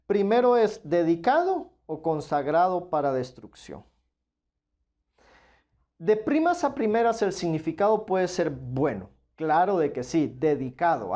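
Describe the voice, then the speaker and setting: Earnest preacher man with a mellow voice. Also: a little high. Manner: earnest, addresses listeners as dear brothers; emphatic, repeats "claro de que sí". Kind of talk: Bible study sermon.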